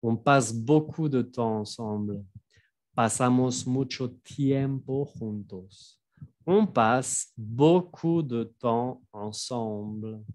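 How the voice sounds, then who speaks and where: Working from a home office, a French teacher who is a native French speaker gives a language lesson in a mid-range voice. He talks slowly, carefully articulating every example as he conjugates verbs and walks through sample sentences in a relaxed, chatty way.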